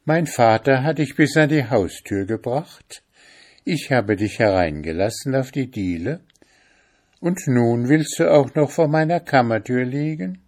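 An indignant young girl from a storybook, as a man reads her part, her voice pushed high and loud. She scolds in a raised, exasperated tone yet stays kind-hearted. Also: lively intonation, unhurried. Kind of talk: storybook reading.

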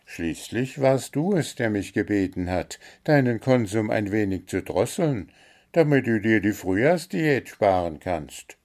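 Gruff grumbling gnome, played by a male narrator, storybook reading. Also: on the low side, expressive, measured pace, darkish tone. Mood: scolding.

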